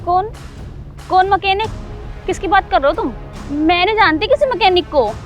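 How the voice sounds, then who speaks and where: A woman's voice: very high voice, moderate pace, lo-fi sound. A woman acting a defiant, argumentative wife in a scripted drama. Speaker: scheming wife in a short drama. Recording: faint background music.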